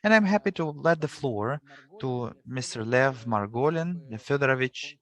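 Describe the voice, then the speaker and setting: A man working as a live simultaneous interpreter at an online seminar, rendering the speakers into English over a video call. He talks haltingly, with restarts and self-corrections as he keeps up. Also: medium pitch, expressive, fairly bright tone.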